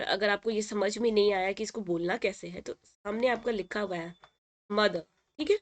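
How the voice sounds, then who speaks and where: Patient and steady, an Indian woman teacher works through a Hindi textbook lesson in an even, medium-pitched voice. She says each word slowly more than once and keeps checking in with brief confirmations, "ठीक है" coming up often.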